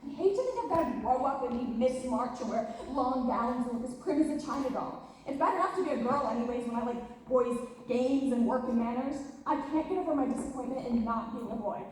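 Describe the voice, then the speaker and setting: A woman's voice: high voice, a little mellow, natural voice. A woman on an amateur stage playing a boyish, brash, theatrical teenage girl, exclaiming and declaiming. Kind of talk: amateur stage play acting. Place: stage in a reverberant hall, distant microphone. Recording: echoey hall from far off, faint noise.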